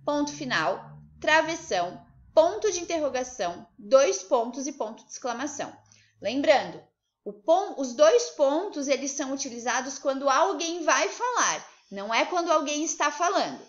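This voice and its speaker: Lady teacher doing an online class for little kids, high sing-song voice, kinda dull lo-fi sound. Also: moderate pace. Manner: lively, coaxing, asks many questions. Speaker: primary school teacher. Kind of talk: remote lesson for young children. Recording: slightly dull lo-fi recording.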